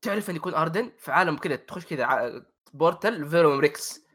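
Guy talking games super fast, drops english words everywhere, bright excited fan voice. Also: a little high. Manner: mixes Arabic with English words and phrases. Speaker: gaming show co-host. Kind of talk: casual chat about video games.

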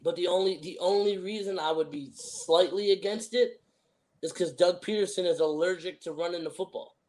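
A man's voice: sits high, normal speed, darkish tone, rough recording. A young man hosting a sports podcast, giving opinions in emphatic, casual frat-bro slang.

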